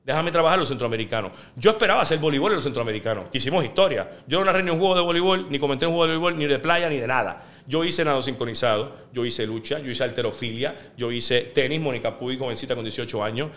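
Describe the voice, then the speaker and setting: A man from Puerto Rico, a sports journalist guest, telling lively career anecdotes in a casual interview. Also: mid-range voice, fast talker, few pauses. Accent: neutral Spanish.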